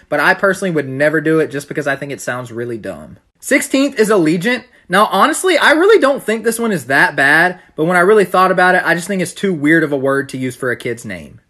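A man's voice: sits high, sharp tone. A young man in his twenties ranking things in a talking-head video, opinionated with a dry, sarcastic edge, filmed on a phone at arm's length. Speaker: vlogger.

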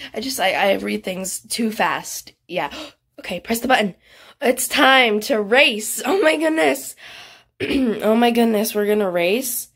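An excitable young woman chatting through a game as she plays. Her voice sits fairly high and leaps all over the place, and she takes her time with the words. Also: husky. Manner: excitable, gasping and laughing often, chatty. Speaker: gaming channel host. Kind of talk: casual game commentary.

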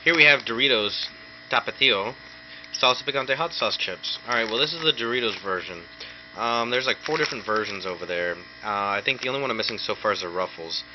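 Man, medium pitch, casual snack-review chat, rambling, lo-fi camera audio, noticeable hum and clicks. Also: fairly quick. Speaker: food review vlogger. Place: small cluttered room indoors.

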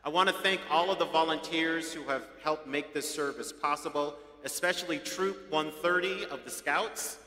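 A man's voice: fairly high pitch, moderate pace, hardly any pauses, sharp tone, slight background noise. A middle-aged man presiding over an outdoor Easter service, welcoming the crowd in an upbeat, joking way at a podium microphone. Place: large outdoor amphitheatre. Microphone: podium mic. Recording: echoey outdoor PA with long reverb.

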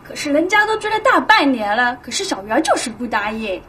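A chatty young office woman passing on gossip in a confiding tone. Her voice is high for a woman, in a TV drama. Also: sing-song, brisk, sharp tone, breathy edge, exaggerated voice. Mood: gossipy. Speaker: office colleague. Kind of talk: TV drama acting.

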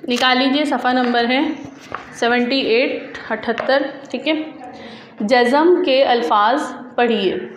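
Slow, high-voiced patient woman teacher. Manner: slow, patient, repeating each word for pupils. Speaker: school teacher. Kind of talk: teaching an Urdu reading lesson to young children. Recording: echoey classroom with faint hum.

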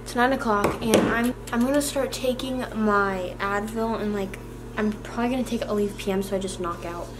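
A woman's voice: mid-range voice, normal speed, heavy background noise. A teenage girl vlogging in casual chat, talking with a slight new lisp and lots of fillers. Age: teens. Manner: chatty, filler-heavy, bubbly. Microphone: camera mic.

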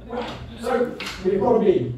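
A man's voice: very high-pitched, sing-song, unhurried, mellow, slight background noise. Older man rambling jokily on a gig stage. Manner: rambling, self-mocking and jokey. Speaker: musician hosting his album launch gig. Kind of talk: live stage banter between songs. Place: music venue with a live audience. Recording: echoey club from far off, crowd.

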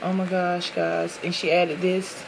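A woman's voice: fairly low pitch, completely flat delivery, a little slow, creaky, background noise. A woman chatting casually to her viewers while unboxing a handmade craft box, gushing over each detail, apologizing often and calling everyone "guys.". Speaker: craft vlogger.

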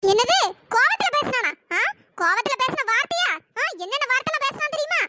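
Very high squeaky cartoon mother, scolding loudly, bright tense tone. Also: animated, fairly quick, a little hiss or hum, exaggerated voice. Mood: angry scolding. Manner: shouting, scolding. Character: furious scolding middle-aged mother, sharp-tongued. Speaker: angry aunt. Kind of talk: pitched-up cartoon voice acting.

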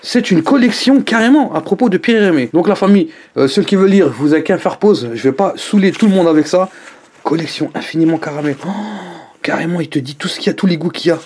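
This is a relaxed food review vlog filmed at home, where a man talks to the camera with lively outbursts and asides for his viewers. His voice is a little high and his pace quick.

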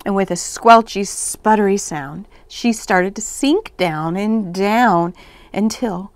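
A woman reading a children's story aloud in an expressive, dramatic way for a library. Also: medium pitch, slow, no room sound.

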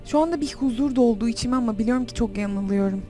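Young woman, horror game commentary, nervous self-talk, sudden shrieks, slightly high voice, faint music behind. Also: quick pace, dark tone. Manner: jumpy, talks to herself, shrieks when scared. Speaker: gamer playing a horror game. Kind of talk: let's play commentary. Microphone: desk mic with facecam.

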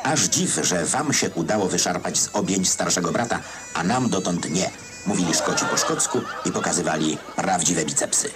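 Male newsreel narrator, old-school: very low, lively intonation, ironic, over loud music. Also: normal speed. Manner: wry, ironic.

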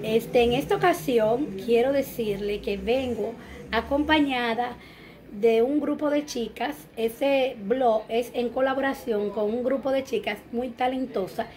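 A Dominican woman in her thirties talks straight into a close phone camera in a small bright room at home. Her voice sits a little high, and she chats easily, greeting viewers and wishing them blessings. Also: measured pace. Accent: Dominican Spanish. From Dominican Republic. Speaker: vlogger. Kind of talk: casual vlog chat.

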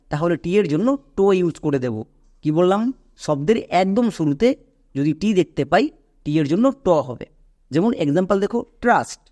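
A man's voice: a little high, darkish tone. A man teaching English pronunciation, patiently spelling out letters and repeating sounds. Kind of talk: tutorial explanation.

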